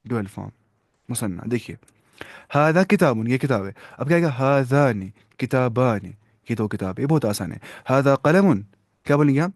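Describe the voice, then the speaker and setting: This is an expressive man of medium pitch giving an Arabic lesson in classroom style, patiently questioning students and praising them, with English words mixed into his explanations. The recording is dry and clean, studio-grade.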